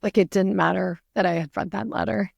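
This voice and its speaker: Earnest woman with a gravelly voice. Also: mid-range voice, fairly even intonation, fairly quick, no room sound, dull audio. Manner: earnest, frequent "you know" fillers. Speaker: podcast guest. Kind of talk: personal storytelling in an interview.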